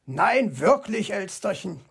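A reader voicing a cheeky, jovial male fox who teases his friend, in a raised pitch for a storybook reading. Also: sing-song, slow, vocal fry, fairly bright tone, husky, full character voice. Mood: teasing. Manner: teasing, laughs at others.

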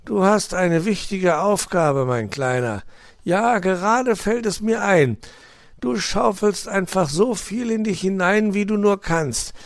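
Greedy grumbling fox uncle, high and bouncy, voiced by a man, dry studio sound. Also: takes it slowly, dry recording. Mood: scheming. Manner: grumbling, scheming.

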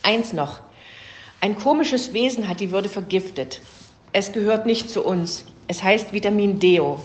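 A woman's voice: mid-range voice, lively intonation, a little slow, close to an everyday voice. A woman voicing Appreciation, an obliging, kind sister figure in a read-aloud fable. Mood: earnest. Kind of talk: storybook reading. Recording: roomy echo.

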